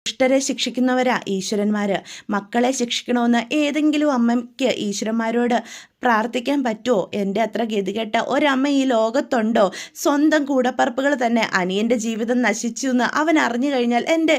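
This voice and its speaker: Woman doing a sad mom crying out pleading questions, bit high voice. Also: moderate pace, natural voice. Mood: grieving. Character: grieving mother of grown sons.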